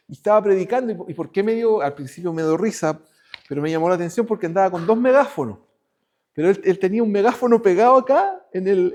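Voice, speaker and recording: A man preaching a sermon as pastor, moving between raised, emphatic lines and hushed ones. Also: high-pitched, gravelly.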